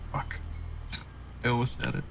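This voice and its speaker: A man's voice: normal speed, soft background music. A man casually describing his character's moves as a player in a tabletop role-playing game. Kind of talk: casual, improvised role-play.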